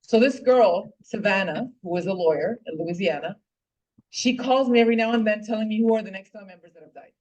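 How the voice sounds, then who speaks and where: Heard at a distance through a dull lo-fi room recording, this Puerto Rican woman is a guest at a political club meeting, delivering a heartfelt, impassioned personal speech. She speaks quickly in a mid-range, darkish voice, earnestly, with frequent fillers and false starts.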